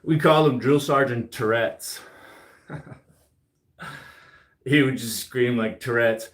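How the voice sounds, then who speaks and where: A man's voice: medium pitch, slow pace. A man talking casually while he works out at home, cursing often and boasting bluntly. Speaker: fitness livestreamer. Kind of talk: casual workout chat. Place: home gym. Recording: roomy echo.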